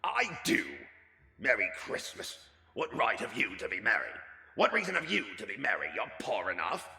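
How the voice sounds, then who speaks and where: A man's voice: lowish voice, big pitch swings, moderate pace, creaky, pushed and bright, voice pushed up, heavily acted. A man voicing a grumpy, indignant old miser, curt and scornful, in an audiobook-style reading of a classic story. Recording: echoey room with long reverb.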